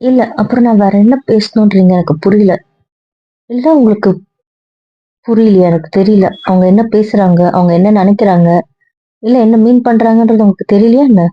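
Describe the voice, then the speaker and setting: ஒரு பெண் நடிகை, தன்னை நியாயப்படுத்திப் பிடிவாதமாகப் பேசும் மனம் உடைந்த இளம் பெண்ணாக நடிக்கிறார். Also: female voice, mid-range voice, brisk, no room sound, lightly acted. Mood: defiant. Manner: emotional, insistent, repetitive. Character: hurt young woman defending her refuge. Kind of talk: web serial monologue. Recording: dry dull lo-fi sound.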